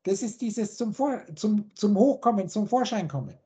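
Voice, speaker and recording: Her medium-pitched voice is expressive and mellow, and she speaks at a normal speed. On a video call, she lectures about word roots, chaining words together with their meanings.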